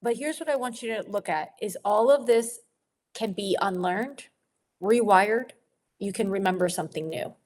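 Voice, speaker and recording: Speaking at a moderate pace in a medium-pitched voice, a woman leads a women's group through their feelings about money. The talk is soft and supportive, punctuated by slight sniffles and frequent laughter.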